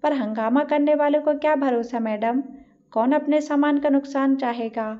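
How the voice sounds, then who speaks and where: A man's voice: extremely high pitch, steady tone, normal speed. A woman voicing a grumbling male shopkeeper. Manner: grumbling, pleading excuses. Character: nervous middle-aged male shopkeeper, grumbling then meek. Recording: dull lo-fi recording.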